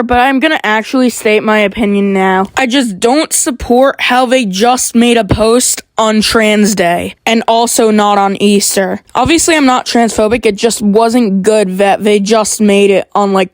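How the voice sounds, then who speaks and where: A woman's voice: mid-range voice, unhurried, few pauses, dry recording. A woman giving a defensive, explanatory response to criticism in an apology video.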